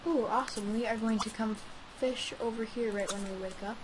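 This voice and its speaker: A woman's voice: on the high side, fairly even intonation, fairly quick, a little mellow. A woman with a sore throat giving casual let's play commentary, rambling hesitantly as if talking to herself. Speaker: gaming host. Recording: clearly noisy home recording.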